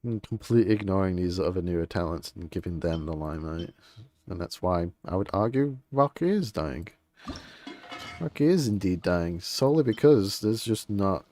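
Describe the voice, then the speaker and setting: A man streams a game and chats casually, rambling through his opinions in an informal, grumbling manner. His voice is low with a darkish tone, and there's slight background noise.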